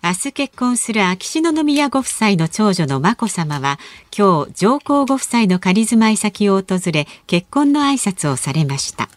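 A woman announcer in a dry, close studio sound. She reads news and chats in a lively voice that rises and falls, brisk and gently teasing as she moves the show along. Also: medium pitch, dry recording. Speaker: radio announcer and co-host. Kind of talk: radio announcing and chat. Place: radio studio.

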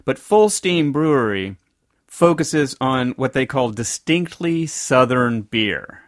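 A man from the American South co-hosts a casual conversational podcast, telling a rambling story that keeps circling back to correct itself. His mid-range voice is expressive and slow. The clean studio recording has no echo.

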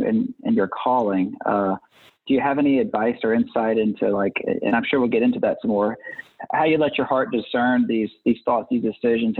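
Guy hosting a podcast, long wandering question, kinda husky, sounds like a phone line. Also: medium pitch, no room sound. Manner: rambling, earnest questions with restarts. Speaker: podcast co-host. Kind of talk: casual interview questions. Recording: tinny phone-like dry sound.

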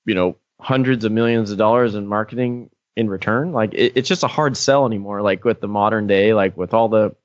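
A low-pitched man co-hosting a podcast, rambling loosely and leaning on "like" as he talks. His voice comes across dull and lo-fi, dry with no room sound. The delivery is casual and conversational. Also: fairly quick, few pauses, no room sound. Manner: rambling, peppered with "like". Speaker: podcast co-host. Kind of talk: casual chat.

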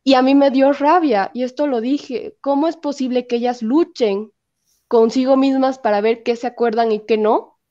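A woman speaks as an interview guest, telling her story emphatically and slipping into other people's voices for quotes. Her voice sits a little high, and the recording is slightly muffled and lo-fi. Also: fairly even intonation, normal speed, mellow.

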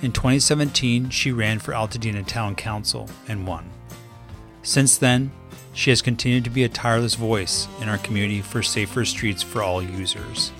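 A man hosting a podcast, reading a measured, formal introduction and then asking interview questions. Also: lowish voice, a bit bright. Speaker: podcast host. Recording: faint music behind the intro.

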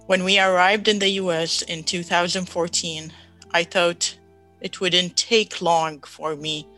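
A woman's voice: on the low side, sharp tone. A woman from Iraq with an Iraqi Arabic accent, a physician speaking earnestly in an interview with small restarts and non-native grammar. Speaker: guest, physician. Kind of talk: reading and interview answers.

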